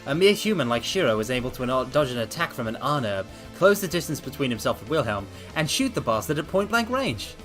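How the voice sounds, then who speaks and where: A man streams a visual novel, acting out the narration theatrically and slipping in offhand remarks. His mid-range voice is very animated and a bit bright, moving a little fast with few pauses. Faint game soundtrack music sits behind him.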